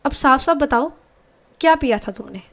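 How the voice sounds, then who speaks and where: A bossy young woman in a spoken love story, scolding and pressing with firm questions, as a woman narrator puts her on. The voice is fairly high and close to the teller's own. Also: normal speed, a bit bright.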